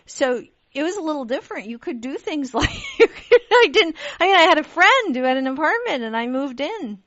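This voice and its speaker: Lively woman radio host, dull audio. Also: high voice, fairly quick, no room sound. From Pakistan. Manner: animated storytelling with laughs and restarts. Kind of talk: casual interview chat.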